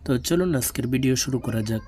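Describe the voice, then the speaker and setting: A man teaching Quran letter reading in a recorded lesson, spelling syllables out slowly and repeating them for practice. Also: medium pitch, lively intonation, slight background noise. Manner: drawn-out slow spelling drills, louder on recited syllables.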